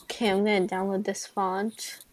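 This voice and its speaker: A woman co-hosting a casual live stream, excitable and laughing easily. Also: mid-range voice, normal speed, slight background noise. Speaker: streamer co-host. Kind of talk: casual chat.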